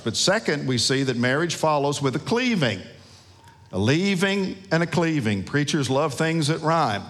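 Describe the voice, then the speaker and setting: A pastor delivering a sermon in a slightly higher-than-usual male voice. He drives his points home with rhetorical questions and dramatic pauses. The sound rings out with a long hall reverb, as in a large church sanctuary. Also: a bit bright.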